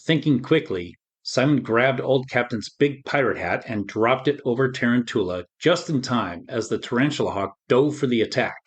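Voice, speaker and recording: Calm male storyteller. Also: medium pitch, normal speed, hardly any pauses, husky. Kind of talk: children's story narration.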